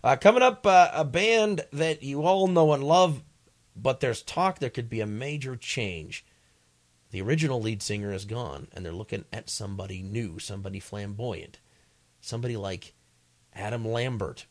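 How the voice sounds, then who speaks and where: A man's voice: medium pitch, moderate pace, close to an everyday voice. A man putting on the voice of a macho male classic rock radio DJ, doing a mock radio break with filler uhs. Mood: upbeat pitch. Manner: punchy announcer delivery with filler uhs.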